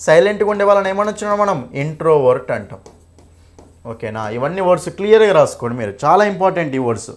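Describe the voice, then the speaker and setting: A man's voice: on the high side, lively intonation, fast. A young man teaching an English exam-prep lesson, repeating points and checking in with "okay?" often.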